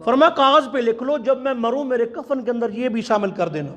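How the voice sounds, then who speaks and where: High pitched guy giving a fiery sermon in a big echoey mosque, tells stories, chants slow. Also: lo-fi sound. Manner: impassioned storytelling, chanting quotations slowly. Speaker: preacher. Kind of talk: sermon at a religious conference. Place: large mosque. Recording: long hall reverb.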